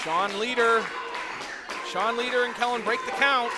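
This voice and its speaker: A man working as a wrestling commentator, giving excited live play-by-play with exclaimed calls. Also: extremely high pitch, a little slow, very noisy. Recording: loud venue crowd behind. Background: live crowd.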